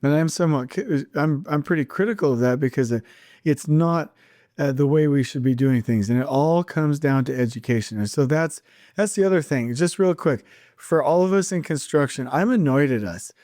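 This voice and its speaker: Guy ranting on his own podcast, kinda high but mellow voice, keeps repeating stuff for emphasis. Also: expressive, moderate pace, no echo, clean studio sound. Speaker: podcast host. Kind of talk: solo podcast monologue.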